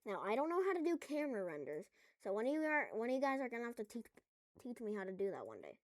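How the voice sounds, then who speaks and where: A woman's voice: fairly high pitch, very animated, quick pace, dry recording. A woman at home making a casual coding tutorial, rambling through jokey asides as she works. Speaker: tutorial maker.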